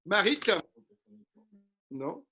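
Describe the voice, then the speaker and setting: A man's voice: high-pitched, very animated, very slow, pushed and bright. A man hosting a parody word game over a video call from home, fussy and forever calling players who have dropped out. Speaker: game show host.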